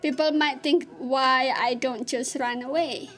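A woman from Indonesia, telling her own story in an earnest, halting way with pauses and restarts. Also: high voice, steady tone, a bit bright, faint music behind. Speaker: interviewee. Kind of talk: personal testimony.

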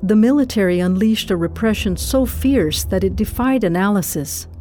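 A woman narrating a radio documentary in a measured, serious scripted read. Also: mid-range voice, warm tone, soft background music.

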